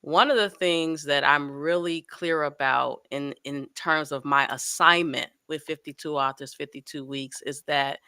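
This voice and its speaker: Woman podcast host, slow earnest talk, smooth bright tone. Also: deep voice, no echo, studio quality. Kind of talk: interview conversation.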